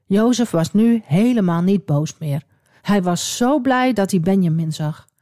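A woman storyteller reading a Bible story for children. She tells it expressively and adds small asides to the listener. Her voice is mellow and swings widely in pitch, and the recording is dry. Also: lively intonation, unhurried, no echo.

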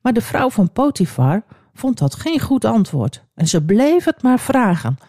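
An expressive woman telling a children's Bible story, talking straight to her young listeners. Her voice is warm and mellow with a lively, swooping pitch, recorded close and dry. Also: measured pace, no room sound.

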